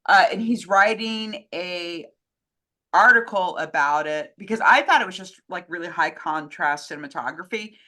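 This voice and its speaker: In a casual chat, a woman co-host relays questions and comments from the audience, sounding hesitant and a little apologetic. Her voice is lowish and her speed normal, with a pushed, bright quality to the sound.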